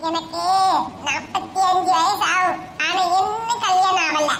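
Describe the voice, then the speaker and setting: A woman's voice: very high-pitched, unhurried, reverberant, very noisy. A woman with a Kanyakumari Tamil accent playing a lonely, gullible 45-year-old unmarried kidnapper in a comic village sketch.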